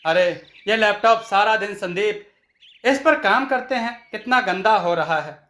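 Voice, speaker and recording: A man's voice: high-pitched, animated, a little slow, pushed and bright, heavily acted. A man voicing a foolish, literal-minded young daughter-in-law in a storybook tale, talking naively and taking every word literally. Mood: innocent. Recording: echoey room.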